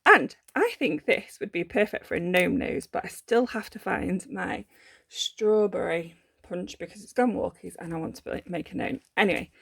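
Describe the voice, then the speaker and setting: A woman's voice: lowish voice, steady tone, moderate pace, gravelly, slightly rough, dry recording. A woman, from the UK, chatting casually through a papercraft unboxing, gushing about the items with lots of ums and self-corrections. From United Kingdom. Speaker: papercraft vlogger.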